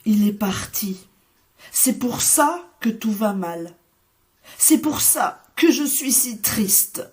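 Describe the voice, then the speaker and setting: A woman reading a storybook aloud, voicing a gentle, caring mother hen. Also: fairly high pitch, animated, slow. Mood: sad.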